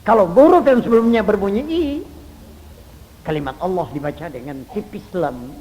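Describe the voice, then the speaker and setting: An older man preaching a Quran exegesis sermon, emphatic, swinging from loud stresses to hushed demonstrations. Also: sits high, animated, moderate pace, in a large hall, a little hiss or hum, rough recording. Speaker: Islamic preacher.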